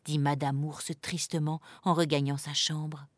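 A woman narrating a children's story in a lively, expressive reading voice. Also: low-pitched, unhurried.

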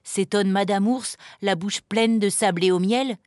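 A woman narrating a children's story in a lively, expressive reading voice. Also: mid-range voice, a little slow, no room sound, clean studio sound.

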